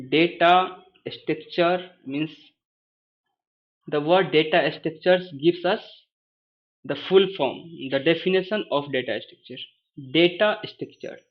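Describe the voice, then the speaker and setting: A man with a thick Hindi accent gives an informal lesson in hesitant, halting English, often repeating words and phrases. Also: on the high side, muffled recording. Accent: thick Indian (Hindi). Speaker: first-time tutorial presenter.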